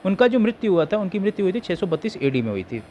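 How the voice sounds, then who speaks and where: An Indian man with a sore throat teaching an exam prep class, reading quiz questions slowly in English and explaining them with lots of fillers. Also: high voice, very animated, darkish tone, a little hiss or hum.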